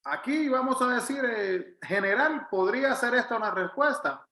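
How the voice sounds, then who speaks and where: A Puerto Rican pastor leads a Bible study in a conversational style, speaking with a Puerto Rican Spanish accent and earnestly repeating phrases for emphasis. His voice is extremely high, bright, and pushed, with vocal fry and expressive delivery at a normal pace, in a reverberant space.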